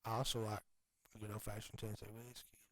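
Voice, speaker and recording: A man's voice: fairly low pitch, little pitch movement, fast talker. A man with a Southern US accent, co-hosting a casual chat in an easygoing, playful way. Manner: easygoing, playful, exaggerated country drawl.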